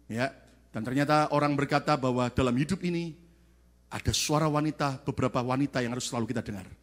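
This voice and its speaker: A male pastor delivers a sermon in a large church sanctuary, his voice mid-range and his pace quick. He poses questions, calls out for responses, and moves from hushed asides to loud, shouted climaxes.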